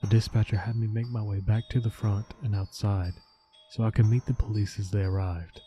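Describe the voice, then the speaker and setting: Low, dark-voiced male horror story narrator. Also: flat delivery, brisk. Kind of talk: scripted scary story narration, first person. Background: background music.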